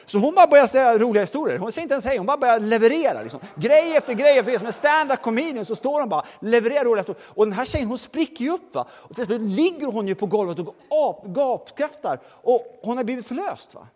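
A man preaching a sermon, telling stories with lively asides to the congregation. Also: very high voice, few pauses, in a large hall. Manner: lively storytelling with audience asides.

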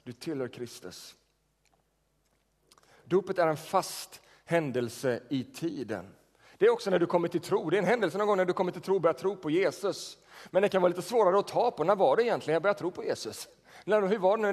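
A pastor with a slightly high, darkish voice gives a sermon in a church sanctuary. He talks in a conversational manner and frequently asks the congregation questions, all under long church reverb.

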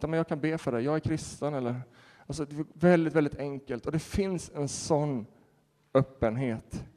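A man who is a pastor, preaching a sermon and telling stories in a lively way with acted-out quotes. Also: fairly high pitch. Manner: animated storytelling with laughter and acted-out quotes. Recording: reverberant hall.

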